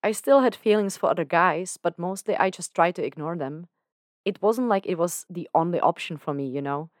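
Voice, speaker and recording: A woman voices an emotional, self-doubting young man who speaks earnestly and candidly, using casual slang in a confessional mood. Her voice is fairly low, close to an everyday voice, at a moderate pace, with clean studio sound and no room sound.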